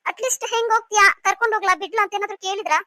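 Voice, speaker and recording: A woman's voice: very high-pitched, steady tone, rapid-fire, pushed and bright, no room sound, clean studio sound. A woman voicing a sulky, emotional young wife in a cartoon, with a pleading manner. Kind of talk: cartoon voice acting.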